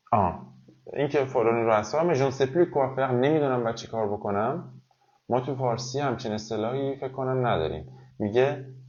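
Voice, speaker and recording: Brief: low-voiced male French teacher, native Persian, on dull lo-fi stream audio, slow repeated examples. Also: a little mellow. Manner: switches between slow, carefully spaced French and rapid Persian explanation; repeats example phrases for drilling. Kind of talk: live online language lesson.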